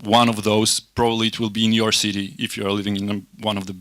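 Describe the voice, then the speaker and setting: Bright-voiced man giving a halting conference talk. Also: fairly low pitch, level tone, no room sound. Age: 30s. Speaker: conference speaker. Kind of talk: informal motivational conference lightning talk. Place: auditorium stage in front of a screen. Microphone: handheld microphone held close to the mouth.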